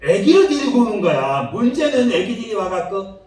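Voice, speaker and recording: Guy preaching to kids, high lively voice, goofy voices for the story, super echoey room. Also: moderate pace. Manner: asks the children questions. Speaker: children's ministry preacher. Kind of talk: children's sermon. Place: church worship room. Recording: very echoey room, mic far off.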